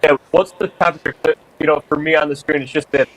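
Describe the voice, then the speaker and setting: A man's voice: a little high, steady tone, fast talker, a bit bright, low-quality recording. A man talking casually on voice chat during an online race, his audio choppy and cutting in and out. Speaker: racing teammate on voice chat.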